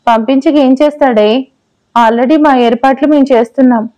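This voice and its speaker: Woman voicing a brisk fond mother-in-law. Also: high voice, dark tone, highs cut off, natural voice. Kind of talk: audio story dialogue.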